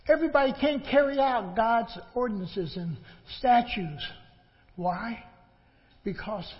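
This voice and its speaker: A man preaching a sermon in a lecturing, admonishing manner, repeating phrases and asking rhetorical questions. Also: high-pitched. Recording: muffled, in a large reverberant hall.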